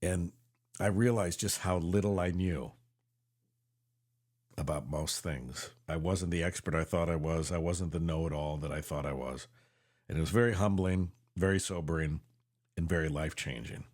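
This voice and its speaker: A man recording in his home podcast studio, speaking earnestly and confessionally, slowing down on the phrases that matter to him. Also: deep voice, darkish tone. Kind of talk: reflective personal monologue. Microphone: studio mic with headphones.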